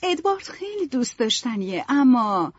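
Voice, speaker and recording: A woman's voice: fairly high pitch, very animated, breathy edge, no echo, pitched above the performer's own voice. A woman doing a passionate romantic young woman. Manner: emotional, sweeping, exclamatory. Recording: dull, dry, lo-fi.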